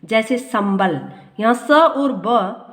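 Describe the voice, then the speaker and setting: Higher-pitched woman teaching from notes, echoey room. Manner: reads a line, then repeats it slowly to explain. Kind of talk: reading aloud and explaining grammar notes.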